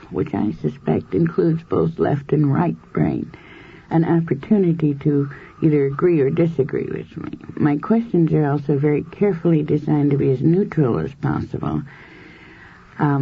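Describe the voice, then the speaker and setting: A husky-voiced woman lectures a group in a measured, explanatory way, building her points from everyday examples. The sound is dull and lo-fi, like a 1970s tape recording. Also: a bass voice. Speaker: hypnosis and past-life researcher lecturing.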